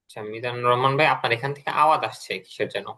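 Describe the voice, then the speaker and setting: Bright-voiced man teaching an online class. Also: medium pitch, low-quality recording. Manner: patient, repeats words slowly for learners. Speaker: English teacher.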